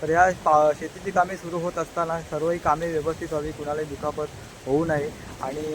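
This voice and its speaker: A man's voice: fairly high pitch, slight background noise, poor audio. Marathi man from Konkan vlogging casually. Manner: hesitant, frequent fillers. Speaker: village vlogger. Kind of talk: casual vlog narration. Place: village home and outdoors in rain.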